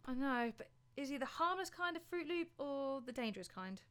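Actress playing an uneasy young wife, high and halting, prone to stammers. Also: female voice, expressive, a bit bright. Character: anxious young wife, newly married, uneasy. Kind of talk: audio drama acting.

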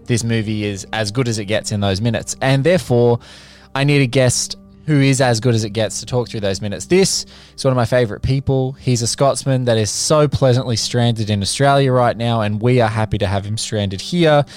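A man's voice: fairly low pitch, brisk, darkish tone, faint music behind. A man hosting a podcast in a casual, effusive, rambling way with colloquial turns of phrase. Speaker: podcast host.

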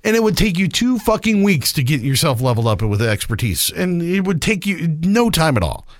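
A fired-up man rants on a gaming podcast, his fairly high voice swinging wildly up and down as he swears through every complaint. The sound is dry and close, with no room around it. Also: very animated, brisk, dry recording. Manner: angry, swearing, ranting. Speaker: podcast co-host. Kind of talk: casual gaming podcast rant.

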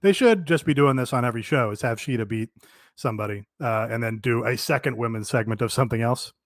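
A laid-back male co-host who talks through a podcast hesitantly, full of little pauses. His voice is mid-pitched and recorded close and dry. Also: dry recording. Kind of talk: casual chat.

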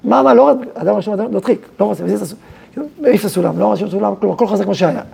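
A rabbi who heads a yeshiva, giving an animated, conversational lecture to students in which he asks questions and answers them himself. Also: sits high, gravelly, husky.

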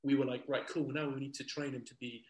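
Animated man telling stories, roomy. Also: medium pitch, fast. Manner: animated, acts out his own past lines, casual swearing. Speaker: guest, dog trainer. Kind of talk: casual storytelling. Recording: roomy echo.

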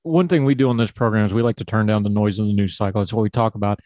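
A man's voice: on the low side, fairly even intonation, racing, darkish tone, no echo. A man with an Appalachian hillbilly accent hosting a conversational interview in a folksy, informal manner. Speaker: talk show host.

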